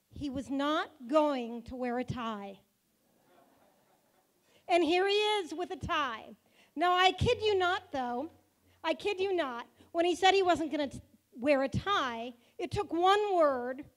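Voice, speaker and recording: A woman, the synagogue president, giving a joking, warm-hearted speech at a banquet held in a car museum hall. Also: sits high. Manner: playful, joking speaker.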